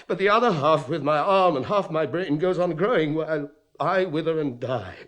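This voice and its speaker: An actor playing an anguished middle-aged cavalry captain, tormented and suspicious, in a 1950s radio drama with impassioned, bitter delivery. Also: male voice, a little high, normal speed, fairly bright tone, lightly acted. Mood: despairing.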